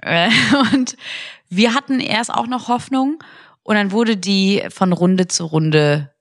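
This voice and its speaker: Female podcast co-host, mid-pitched, chatty and easygoing, laughs a lot, halting fillers. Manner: chatty, laughing often, many hesitation fillers. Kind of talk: casual chat.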